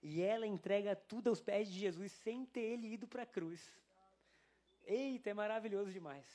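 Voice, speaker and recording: A man's voice: sits high, moderate pace. A male pastor with a Brazilian Portuguese accent delivering a sermon in church, telling a story and acting out the dialogue. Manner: animated storytelling, acts out quoted dialogue.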